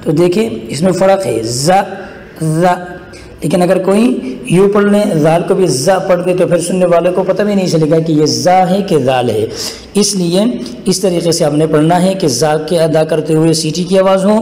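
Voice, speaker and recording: A man teaches a recorded lesson with a mellow, slightly raised voice and stretches each letter sound. He speaks with patience. A long reverb from the room hangs on every word, over a faint ambient hiss. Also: high voice. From Pakistan. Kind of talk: recorded Quran-reading lesson for children.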